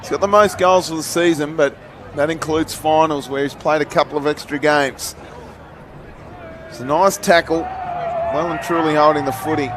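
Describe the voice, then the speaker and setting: A man with an Australian accent calling a live football match, excitable and shouting at big moments. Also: on the high side, moderate pace. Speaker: sports commentator. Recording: outdoor ground with loud crowd and noise. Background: crowd and outdoor noise.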